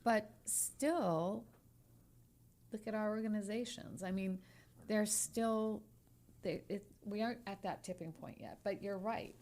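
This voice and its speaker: A woman in her sixties, a trial lawyer and podcast co-host, speaks a little slowly in a mid-range, somewhat mellow voice. The conversation is candid, and she's frank and emphatic, circling back over phrases as she looks for words.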